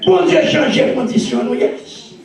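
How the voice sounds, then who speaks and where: A male pastor with a Haitian accent preaching a sermon with call-and-response and frequent shouts. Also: very high voice, measured pace. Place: church sanctuary. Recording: echoey church recorded from a distance.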